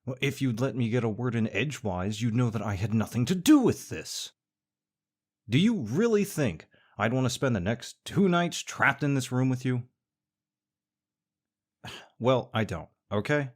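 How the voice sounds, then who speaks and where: A young man with a mid-range voice performs a scripted audio roleplay, playing a smug rival co-worker who is sarcastic and teasing. His delivery is animated but measured in pace.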